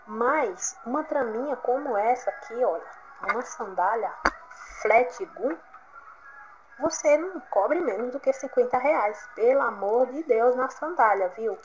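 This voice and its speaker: A woman's voice: on the high side, animated, measured pace, a little hiss or hum, rough recording. A Brazilian woman chatting casually from home as she shows her craft work to viewers, encouraging them as she goes. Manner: chatty, encouraging, keeps saying "gente" and "olha". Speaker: crafts vlogger.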